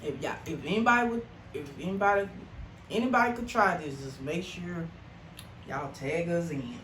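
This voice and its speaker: A man hosting a casual mukbang, chewing as he talks and savoring with drawn-out mm sounds. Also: fairly high pitch, fairly bright tone. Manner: chewing while talking. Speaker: mukbang host. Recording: roomy, noisy, distant mic.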